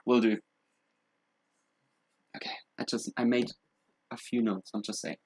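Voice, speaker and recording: A man's voice: mid-range voice, little pitch movement, unhurried, background noise. A young man from Germany, chatting casually and rambling on a live stream with self-mocking asides. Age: 20s. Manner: self-mocking, rambling, thinking aloud while setting up. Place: home room in England.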